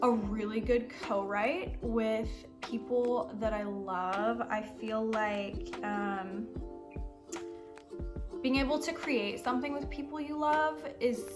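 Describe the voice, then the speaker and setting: A woman's voice: fairly high pitch, steady tone, slow pace, music in the background. A young American woman, a worship pastor and singer, answering questions in a casual vlog with a rambling, chatty manner full of "like" and "um.". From United States.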